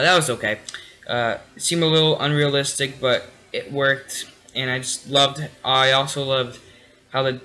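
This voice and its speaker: A man's voice: mid-range voice, bright, forceful tone, low-quality recording. A tired young man casually reviewing a TV episode late at night, rambling with many fillers and restarts. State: tired, yawning.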